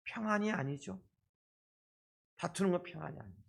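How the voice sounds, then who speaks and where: A man's voice: high-pitched, lively intonation, normal speed, gravelly, slightly rough. A man preaching as a pastor through a face mask, explaining step by step and often putting rhetorical questions to his congregation. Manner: speaking through a face mask, slightly muffled. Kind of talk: sermon to a congregation. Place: church service.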